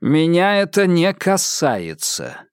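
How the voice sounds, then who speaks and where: A man's voice: on the high side, wildly swooping pitch, takes it slowly, clear, resonant tone, no echo, clean studio sound, voice pushed up, exaggerated voice. A man voicing a proud, stiff elderly male historian in an audiobook, cutting and indignant. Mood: haughty.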